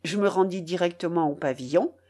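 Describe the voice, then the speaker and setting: A woman narrating a classic novel as an audiobook, in an expressive, dramatic reading. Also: lowish voice, brisk, breathy edge. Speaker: audiobook reader. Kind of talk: literary narration.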